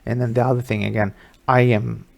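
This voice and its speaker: A man's voice: medium pitch, level tone, a little fast, creaky, darkish tone. A middle-aged man from Sweden hosting a live market webinar, talking casually through charts with many fillers.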